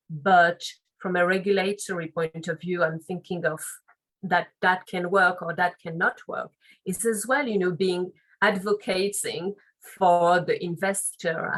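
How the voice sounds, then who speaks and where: A Frenchwoman in her late thirties with a French accent, speaking English as a second language. Her voice sits on the lower side, and she answers interview questions reflectively, circling back and rephrasing as she goes. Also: poor audio. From France. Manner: thoughtful, reflective, loose phrasing with restarts. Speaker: guest, legal and compliance officer.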